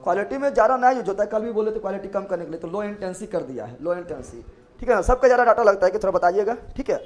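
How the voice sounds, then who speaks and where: A man's voice: high-pitched, animated, roomy sound. A male teacher, leading a classroom lecture with call-and-response drills and teasing his students. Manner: repeats questions rapidly, teasing and joking with students. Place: classroom with students, streamed live online.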